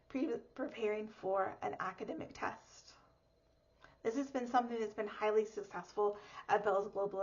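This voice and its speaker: A woman reading teacher giving an upbeat, clear presentation of her academy's classes to parents. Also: mid-range voice. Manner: upbeat, clear and explanatory, with lively emphasis. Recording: slightly dull lo-fi audio.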